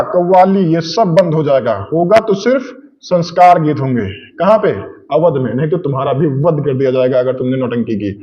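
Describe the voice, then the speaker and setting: A male coaching teacher with a high voice lectures his class through dull audio. He repeats key points over and over, asks questions and answers them himself, and uses memory tricks.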